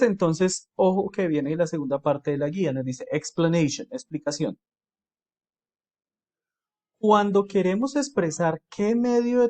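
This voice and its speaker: Male teacher, slightly high voice, patient step-by-step explainer who slows down for English examples. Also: darkish tone. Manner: explains patiently, with frequent checks like "¿cierto?" and "¿listo?"; slows down and lifts his voice to model English phrases. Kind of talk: video tutorial lesson.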